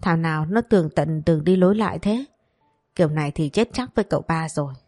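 Nosy housemaid spilling gossip fast, woman doing her, lowish voice. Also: mellow, no echo, faint music behind. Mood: gossipy.

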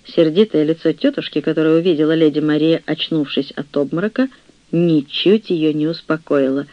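Man reading a story aloud, fairly high voice. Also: normal speed, no echo, muffled recording. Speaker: audiobook reader. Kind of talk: scripted narration.

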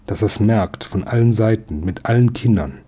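Determined boy hero, earnest planner, dark mellow tone, from a male reader. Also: on the low side, normal speed, a little hiss or hum, close to an everyday voice.

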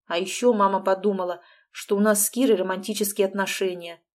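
A woman's voice: medium pitch, fairly even intonation, fairly quick, lightly acted. A woman reading an audiobook, voicing a reserved grown man who answers curtly and defensively. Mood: exasperated. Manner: curt, defensive. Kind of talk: audiobook dialogue.

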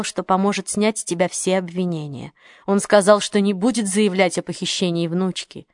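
A woman reading the part of an ailing older father who pleads and evades, in a lowered, subdued audiobook voice. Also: dry recording, studio quality, close to an everyday voice. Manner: hesitant, pleading.

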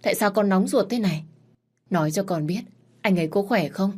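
A woman's voice: medium pitch, brisk, a little mellow, slightly rough, pitched above the performer's own voice, lightly acted. A woman voicing an anxious young woman in a read-aloud story, calling out in a pleading way.

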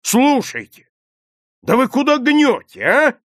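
A man's voice: medium pitch, big pitch swings, fairly quick, dry recording. A man playing a laconic cowboy. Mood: sharp. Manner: drawling, dry.

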